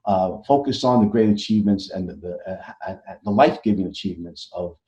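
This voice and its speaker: In a low, warm voice and at a fast clip, an American man guests on a podcast as an author. The conversational interview shows him emphatic, often stammering and repeating himself, and the audio is dull and lo-fi.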